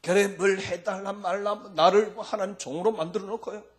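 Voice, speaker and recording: A male pastor preaching a sermon, firing rhetorical questions at his congregation in an informal, lively way. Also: high-pitched, a little fast. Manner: speaks informally and lively in the pulpit.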